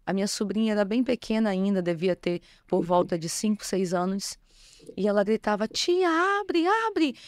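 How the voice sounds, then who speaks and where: A woman's voice: mid-range voice, steady tone, a little fast, mellow, dry recording, studio quality. Earnest woman telling her testimony. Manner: earnest, emotional storytelling. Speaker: bishop, guest. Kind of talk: personal testimony in an interview.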